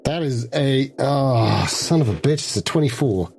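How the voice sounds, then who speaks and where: A man's voice: medium pitch, lively intonation, a little slow, gravelly, a little mellow, slight background noise. A man playing a tabletop game, anxious and self-mocking, stammering as he talks. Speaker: player. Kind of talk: tabletop role-play chat.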